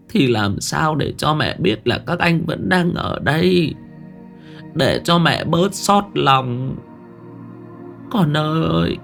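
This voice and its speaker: A man voicing a grieving elderly mother who sobs and pleads in a drawn-out, trembling way, in an audiobook ghost story. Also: fairly high pitch, creaky, warm tone, pitched above the performer's own voice, full character voice.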